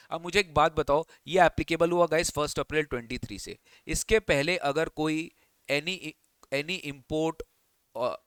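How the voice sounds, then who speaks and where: Man lecturing, crisp and close. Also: a little high, fairly bright tone, no room sound. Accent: Indian English. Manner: quizzes students often, mixing English reading with Hindi explanation. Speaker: tax lecturer. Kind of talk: exam coaching lecture.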